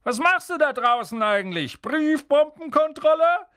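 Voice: sits high, expressive, moderate pace, fairly bright tone, no room sound, studio quality, voice pushed up. A reader voicing a furious, blustering middle-aged uncle who barks his orders, raised well above their own narrating voice. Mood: angry shouting. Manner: barking, blustering.

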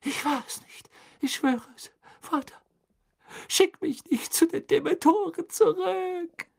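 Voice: very high voice, slow pace, vocal fry, voice pushed up, full character voice. A sobbing, screaming young prisoner. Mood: desperate, sobbing. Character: desperate teenage boy in chains, pleading. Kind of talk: dramatic audiobook reading.

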